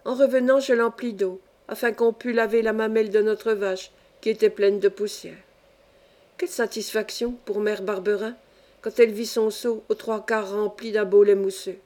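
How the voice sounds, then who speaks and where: A woman audiobook reader narrating a classic novel in a measured, expressive storytelling manner. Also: medium pitch.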